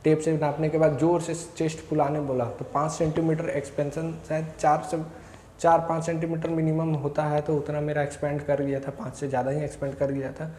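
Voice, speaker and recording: A man's voice: a little high, level tone, a little fast, mellow, slight background noise. A young man from India, telling a rambling, self-correcting story of his own as a vlogger. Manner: rambling, self-correcting, quotes others in short bursts. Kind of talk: casual first-person recounting. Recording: echoey room.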